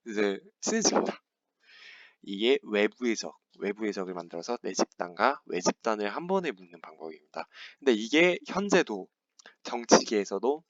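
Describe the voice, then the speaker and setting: A young man giving a class presentation, lively and playful, acting out little scenes with a teacher and students. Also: mid-range voice, dry recording. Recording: dry, dull lo-fi sound.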